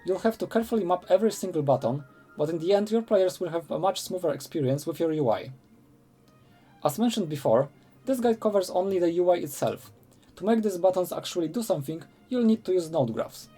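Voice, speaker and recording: A male narrator with a slightly high, very mellow voice reads a tutorial in a measured, scripted way over background music. He still sounds animated.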